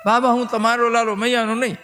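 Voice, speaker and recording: A man's voice: extremely high pitch, level tone, fast, bright, forceful tone, faint music behind. A male storyteller voicing a playful toddler boy god with a babyish lisp, in a devotional tale. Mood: teasing.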